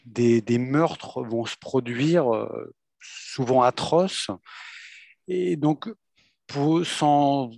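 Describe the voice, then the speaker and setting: A man reviewing a film in a casual chat, measured and hesitant with many fillers. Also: medium pitch, gravelly, a little mellow, dry recording. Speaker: film critic.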